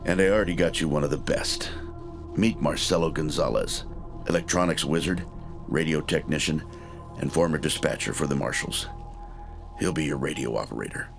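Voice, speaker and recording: Very deep, gravelly, gruff old soldier, dry delivery, game audio with loud music. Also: male voice, moderate pace. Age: older. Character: gruff retired male war hero, older. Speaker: recruiting sergeant.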